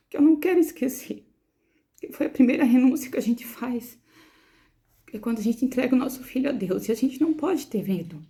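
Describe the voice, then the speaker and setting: A woman with a Brazilian Portuguese accent, telling her story as the mother of a premature baby, in an emotional and halting way, repeating words as she goes. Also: on the high side, creaky, warm tone. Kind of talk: personal testimony vlog.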